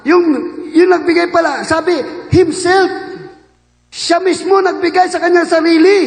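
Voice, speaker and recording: A man in his fifties, from the Philippines, preaching a fervent sermon that swings between loud shouts and quiet asides, recorded in a church hall. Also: very high voice, gravelly. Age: 50s. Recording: echoey hall with long reverb.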